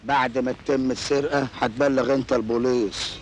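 A cocky, scheming crook, played by a man with an Egyptian Arabic accent who talks fast and brags in an old Egyptian film. His voice sits at an average pitch. The soundtrack is echoey with faint hiss. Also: fairly even intonation, natural voice. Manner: cocky, boastful. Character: scheming, boastful male crook. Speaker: actor in a film. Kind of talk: 1980s Egyptian film acting.

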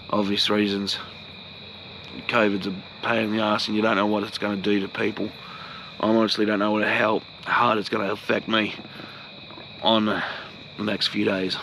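A man's voice: lowish voice, vocal fry, fairly bright tone, a little hiss or hum, poor audio. A young man talking casually in a vlog, sick and short of breath, rambling and laid-back. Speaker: vlogger.

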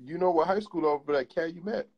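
A man's voice: on the high side, quick pace, breathy edge, highs cut off. A man hosting a casual video call chat, joking and teasing his callers with crude banter. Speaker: host.

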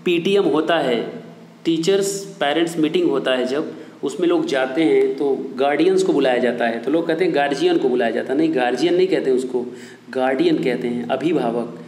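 A man's voice: mid-range voice, brisk, a little mellow. A man teaching an online English pronunciation lesson, who addresses viewers as his children and friends, asks himself questions and repeats each answer. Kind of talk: online video lesson in Hindi. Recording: echoey room with long reverb.

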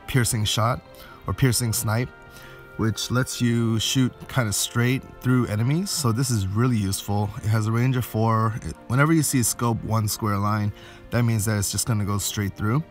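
Game music plays under this indoor voice-over, in which a gaming video host walks through a game. He has a fairly low voice at a moderate pace and keeps things casual and explanatory, thinking aloud as he goes.

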